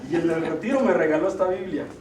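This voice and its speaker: At a church retreat, a middle-aged lay speaker talks fast and earnestly, his voice sitting high, often tagging his questions to listeners with "ok?". A crowd can be heard in the background, and the sound is distant and roomy, as in a large hall.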